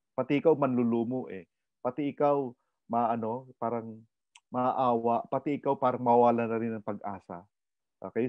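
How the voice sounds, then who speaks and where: Energetic Filipino male seminar presenter, lively delivery, dry and muffled webinar sound. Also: medium pitch, no room sound. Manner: animated, asks the audience questions, code-switches. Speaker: online orientation presenter. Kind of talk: energetic business seminar talk.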